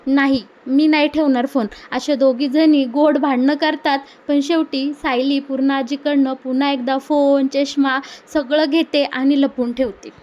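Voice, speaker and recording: Female recap narrator for a TV serial; high-pitched, storytelling voice-over. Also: little pitch movement, measured pace, few pauses, darkish tone, dull audio. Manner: storytelling recap, addresses viewers directly. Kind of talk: voice-over retelling of a TV episode.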